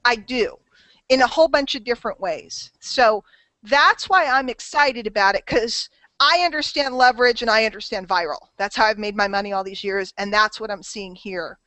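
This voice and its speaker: A woman's voice: fairly high pitch, moderate pace, bright, forceful tone, dry recording, poor audio. A woman hosting a casual group call, chatty, teasing and persuasive. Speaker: host of a marketing call.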